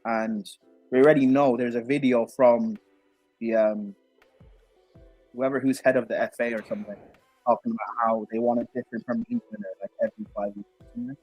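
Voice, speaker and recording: Hesitant male pundit, mid-pitched, halting delivery, heard through a muffled, bass-only microphone. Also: steady tone, a little mellow, husky, no echo, soft background music. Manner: hesitant, halting, many fillers. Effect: muffled underwater-sounding mic, bass only. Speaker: guest football pundit. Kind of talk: casual chat. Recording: muffled dull microphone audio.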